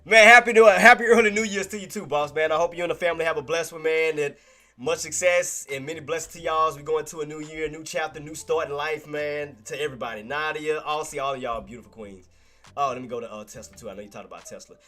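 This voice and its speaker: Speaking fast in a bright, forceful, slightly high voice, a male streamer with nasal congestion runs through chart levels live for his trading audience. He keeps it casual and repetitive, addressing chat as "boss," while faint music plays behind.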